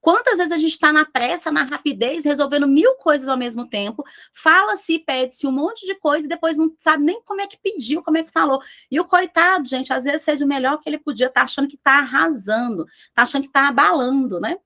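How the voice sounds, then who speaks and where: A woman with a Brazilian Portuguese accent, a business communication consultant giving an energetic, emphatic lecture that keeps turning to her audience. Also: sits high, brisk, few pauses. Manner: emphatic, repetitive, addresses audience as "gente".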